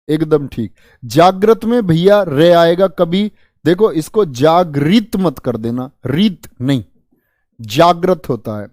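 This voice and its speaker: A man's voice: on the high side, dark tone, no echo, clean studio sound. A man teaching spelling to exam students in a chatty, affectionate way, repeating words to drill them. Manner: dramatic promises to students. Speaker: Hindi teacher for exam prep. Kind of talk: online exam-coaching lesson.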